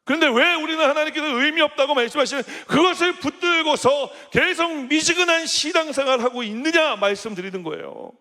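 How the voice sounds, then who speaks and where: A man's voice: very high-pitched, brisk, few pauses, pushed and bright. A middle-aged male pastor preaching a sermon to young adults, in a conversational way with rhetorical questions and casual asides. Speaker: senior pastor. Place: church hall. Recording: reverberant church hall.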